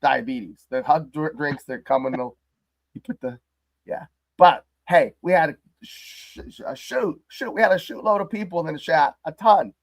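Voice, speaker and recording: A man hosting a casual live sports chat show, his voice hoarse and crackly from the flu, talking in a rambling, jokey way. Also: a little high, moderate pace, no echo. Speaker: host.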